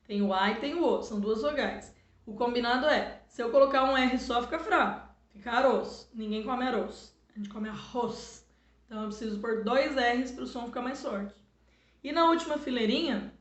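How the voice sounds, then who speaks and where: Patient Brazilian woman teacher, echoey room. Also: fairly high pitch. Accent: Brazilian Portuguese. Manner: patient, explanatory, sounds words out slowly. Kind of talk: remote lesson for children. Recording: echoey room, dull lo-fi sound.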